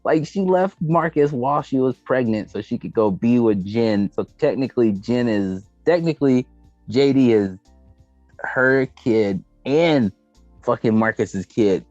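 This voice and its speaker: An American podcast host, male, chats casually about entertainment in an emphatic, slangy, profane and opinionated way. His voice is medium-pitched and darkish, with lively intonation and an unhurried pace. The audio is dull, lo-fi and roomy, with faint music in the background.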